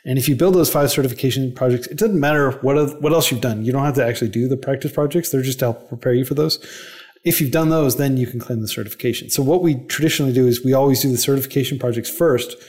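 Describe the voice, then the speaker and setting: A man speaking as a podcast guest in a casual interview. His voice sits at a middle pitch, and he explains in an earnest way. He speeds up in quick bursts and uses plenty of fillers. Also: a little mellow. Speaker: podcast guest, non-profit founder.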